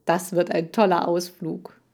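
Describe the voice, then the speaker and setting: A woman's voice: lowish voice, little pitch movement, measured pace, vocal fry, darkish tone. A woman voicing a friendly, enthusiastic young boy.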